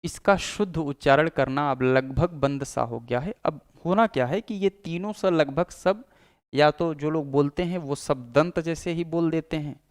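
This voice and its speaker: Clear-voiced male teacher, dry sound. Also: a little high, no echo. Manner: explanatory, demonstrates sounds aloud. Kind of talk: classroom lecture.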